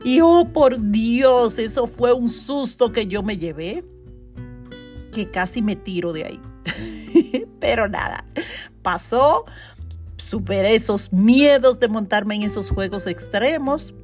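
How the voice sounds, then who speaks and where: Animated woman coaching podcast. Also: mid-range voice, slow pace, pauses often, soft background music. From Dominican Republic. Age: 40s. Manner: animated and chatty, laughing often. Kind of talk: motivational podcast monologue.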